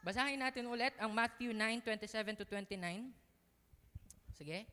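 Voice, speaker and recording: A woman preaching a youth sermon in a church hall, emphatic, swinging between loud cries and soft asides, mixing Tagalog and English. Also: a little high, moderate pace. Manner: mixes Tagalog and English freely. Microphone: livestream sound. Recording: long reverb of a church hall.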